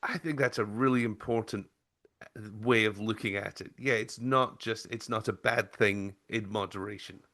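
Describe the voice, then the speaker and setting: A man hosting a podcast, speaking in an earnest way and telling stories from his own teaching. His voice sits low but has a bright, forceful edge. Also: fairly even intonation, moderate pace. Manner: earnest, storytelling. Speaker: podcast host, former teacher. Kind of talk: casual interview talk.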